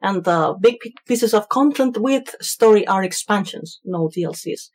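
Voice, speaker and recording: A woman's voice: medium pitch, lively intonation, moderate pace, a little mellow, slightly rough. A woman co-hosting a podcast in casual chat, wry and explanatory. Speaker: podcast co-host.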